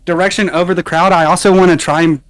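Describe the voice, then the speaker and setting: High-voiced man thinking aloud at the table. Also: fairly even intonation, fairly bright tone, dry recording. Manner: thinks aloud, halting, laughs often. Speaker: player. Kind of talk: casual tabletop play.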